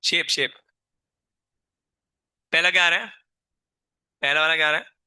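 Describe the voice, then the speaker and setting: A man's voice: fairly high pitch, steady tone, a little slow, pushed and bright, clear, resonant tone, no echo. A man teaching a live chemistry class with a sore, strained throat, constantly quizzing his students and scolding them.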